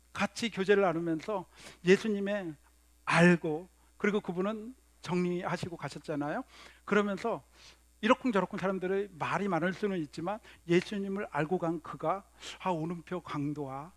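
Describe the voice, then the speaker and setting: Korean pastor guy giving a sunday sermon, fairly high voice, storyteller vibe, drops his voice for quotes. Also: normal speed, no room sound. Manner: storytelling, acts out quoted lines in lowered voice.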